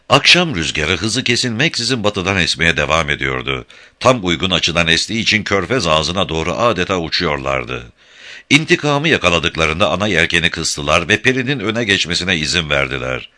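A man narrating an adventure audiobook in a dramatic, expressive storytelling manner. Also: deep voice, moderate pace.

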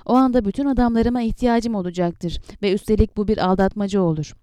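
A woman reading the lines of an earnest young male warrior captain, pleading and reasoning calmly. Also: medium pitch, quick pace, clear, resonant tone, no room sound, clean studio sound, natural voice.

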